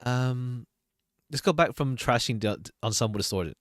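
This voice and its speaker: A man's voice: medium pitch, moderate pace, dry recording, clean studio sound. A man giving casual livestream commentary as a streamer, chatty and hesitant as he thinks aloud. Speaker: streamer reacting to game trailers.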